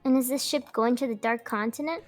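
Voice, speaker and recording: A woman streaming a casual reaction chat, with slangy, excitable exclamations, as she reads along with a partner. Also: on the high side, fairly quick, faint music behind. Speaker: streamer reading manga aloud with a partner.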